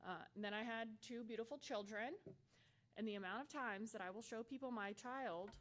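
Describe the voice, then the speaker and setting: A woman's voice: fairly high pitch, moderate pace, fairly bright tone. A woman giving a conference workshop talk, candid and humorous with playful asides. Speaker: workshop presenter.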